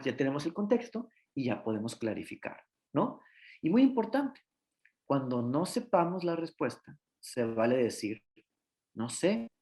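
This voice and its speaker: A man's voice: on the high side, a little mellow. Male pediatrician lecturing casually, peppering points with tag questions. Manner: frequent tag questions, acts out parent and child dialogue. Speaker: pediatrician giving an academic talk. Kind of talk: conversational medical lecture.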